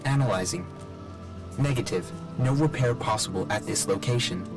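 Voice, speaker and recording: An actor voicing a damaged male combat robot in a video game. His voice runs through a robotic metallic filter, and he speaks in flat, clipped status reports with repeated system errors. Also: on the low side, moderate pace. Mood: malfunctioning, clipped. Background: loud game music.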